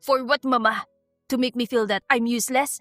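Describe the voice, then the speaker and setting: Angry bitter young guy in a wheelchair, shouting, a lady reading it out, dry close voice. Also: on the high side, moderate pace, no echo, faint music behind, lightly acted.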